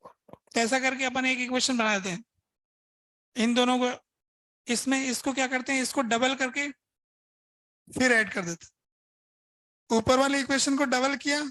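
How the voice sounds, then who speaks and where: A man's voice: very high voice, steady tone, measured pace, long pauses, bright, forceful tone, dry recording, low-quality recording. A man teaching a physics lesson, working through examples step by step and asking his students rhetorical questions. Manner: casual, conversational teaching. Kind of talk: lesson at a board.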